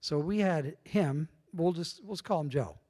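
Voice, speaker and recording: His voice sitting on the high side, a middle-aged man tells stories at a moderate pace while appearing as an interview guest. He keeps things casual and lively, acting out bits of dialogue, in a room with long reverb.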